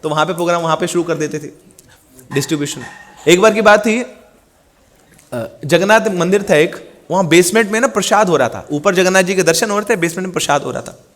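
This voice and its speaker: A man's voice: sits high, fast talker, fairly bright tone. A man telling a story in a sermon, acting out the quoted dialogue. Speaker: preacher.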